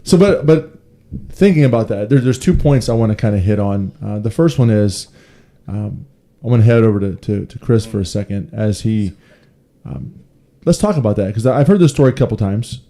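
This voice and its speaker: A man hosting a casual interview, halting and repeating words as he steers the talk. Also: on the low side, animated, mellow.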